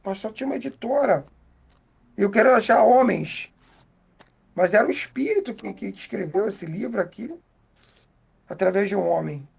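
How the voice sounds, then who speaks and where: A man with a Brazilian Portuguese accent giving a heartfelt, halting faith testimony as an interview guest. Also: sits high, lively intonation, vocal fry, slightly rough.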